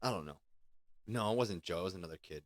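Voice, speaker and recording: A man hosts a casual podcast and rambles in an easygoing way, full of fillers. His voice is fairly low. The recording is dry and close. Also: expressive, quick pace, dry recording. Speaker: podcast host.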